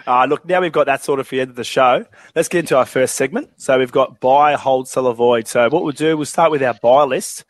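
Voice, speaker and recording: A man's voice: medium pitch, fairly quick, few pauses, dry recording. A man hosting a casual sports podcast, laid-back, with lots of fillers and laughter. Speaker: podcast host.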